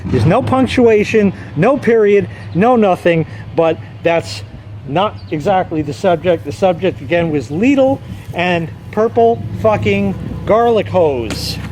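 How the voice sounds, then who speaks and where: Profane, grumbling man outdoors in loud wind. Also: sits high, expressive, slow. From United States. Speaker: vlogger. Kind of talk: casual rambling monologue. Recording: loud wind and traffic noise.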